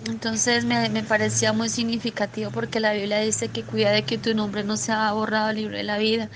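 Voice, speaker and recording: A woman earnestly recounting a religious vision in a spoken testimony, halting often and restarting her sentences. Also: medium pitch, monotone, noisy background. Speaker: believer sharing a vision testimony.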